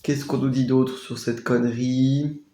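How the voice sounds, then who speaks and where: A man chatting casually through a product haul review, hesitating often and sounding out foreign labels slowly. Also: medium pitch, little pitch movement, dark tone. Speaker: vlogger reviewing a shopping haul. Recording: echoey room.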